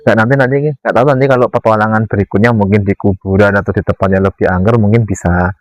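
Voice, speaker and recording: A man co-hosting a vlog, explaining casually in a halting, matter-of-fact way. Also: on the low side, fairly even intonation, no echo. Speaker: paranormal vlog co-host. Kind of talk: casual unscripted explanation to viewers.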